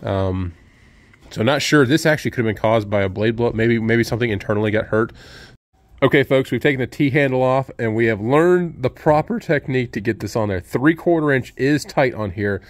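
Under an open shed at his sawmill, a man with a medium-pitched voice and a fairly quick pace casually shows how to do a repair. Filmed on a handheld camera next to the machine, he explains each step in a relaxed way, using filler words.

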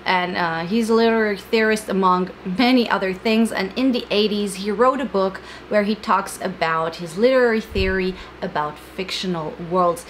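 A woman's voice: mid-range voice, fairly bright tone. A young adult woman hosting an educational book video, speaking to camera with emphatic stress on key words. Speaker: book channel host. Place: small indoor room with bookshelves. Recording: fan hum in the background. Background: electric fan noise.

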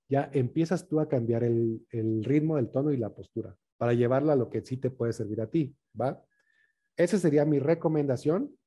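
A man leading a communication workshop in a conversational way, often checking in with quick tag questions. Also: mid-range voice, dark tone, slightly rough.

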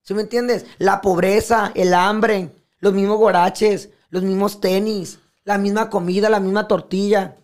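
A man with a Mexican accent talking as a podcast guest in casual conversation, animated and profane, often acting out what others say. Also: high-pitched, measured pace, few pauses. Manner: animated, profane, acts out quoted speech.

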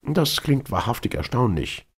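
A man's voice: mid-range voice, sing-song, moderate pace, slightly rough, voice pushed up. A man voicing a nervous, shabby tramp who answers timidly and startles easily, in a storybook reading. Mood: anxious.

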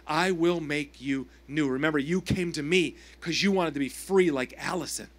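A pastor voicing a calm, gentle man who speaks tenderly in a soft, hushed voice. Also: fairly high pitch, moderate pace, voice pushed down.

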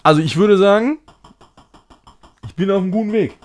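He has a high, brisk voice and gives chatty, jokey live-stream commentary while playing a game. He pokes fun at himself and keeps slipping into mock-grand English.

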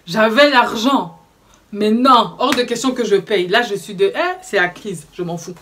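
A young woman with a Belgian French accent, telling a story to camera in casual vlog chat, animated and indignant, with slangy fillers. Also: mid-range voice, normal speed. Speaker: vlogger.

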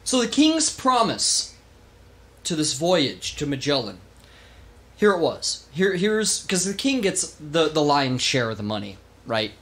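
A man hosting a casual history podcast, telling the story with animated emphasis and the odd swear word. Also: fairly high pitch, measured pace. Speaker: podcast host.

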